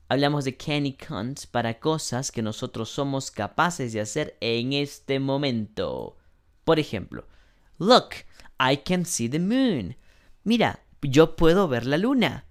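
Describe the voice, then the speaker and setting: A man teaching an English class, explaining grammar slowly and deliberately and often clearing his throat. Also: medium pitch. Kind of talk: online class lesson.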